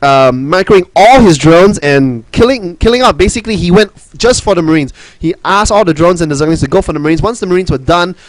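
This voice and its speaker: A young man casting a strategy game match alone, rambling excitedly with many restarts and fillers, out of breath after a big fight. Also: high-pitched, a little fast, hardly any pauses, dry recording, rough recording. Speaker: esports caster. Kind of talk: solo play-by-play game commentary.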